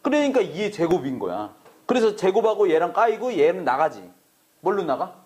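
Brash male math teacher, lively high voice. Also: a little fast. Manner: brash, teasing, swears casually at students. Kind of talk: classroom lecture. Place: classroom.

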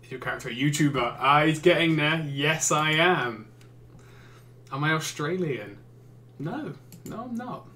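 A man's voice: a little high, expressive, moderate pace, bright, forceful tone. A man with an English accent giving casual gaming commentary, reading out questions and answering them with wry, exasperated jokes. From England. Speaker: YouTuber and streamer.

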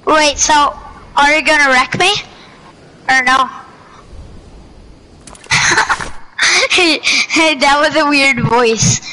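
A woman's voice: sits high, very slow, long pauses, bright, forceful tone, a little hiss or hum, rough recording. A woman streaming an online shooter, teasing and trash-talking another player over a headset mic. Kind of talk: casual gaming chat.

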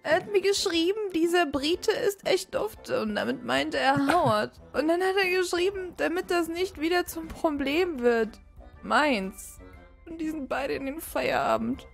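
A woman's voice: sits high, unhurried, gravelly, soft background music. A woman playing a drunk character in a game roleplay, slurring, giggling and turning tearful.

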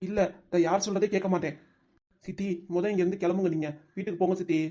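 A woman's voice: medium pitch, fairly even intonation, quick pace, warm tone, lightly acted. A woman voicing a hot-headed young grandson in a cartoon, speaking with a Tirunelveli Tamil accent in a stubborn, confrontational way. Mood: angry.

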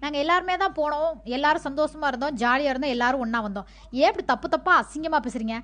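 High quick woman on tiktok, earnest and scolding, defending a friend. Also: fairly bright tone. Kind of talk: direct-to-camera appeal.

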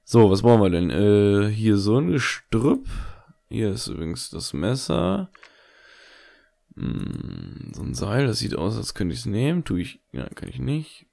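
A man hosts a casual let's play, muttering questions to himself. His lowish, creaky voice jumps around in pitch, with faint music behind. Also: big pitch swings, unhurried, dark tone. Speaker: gaming video host.

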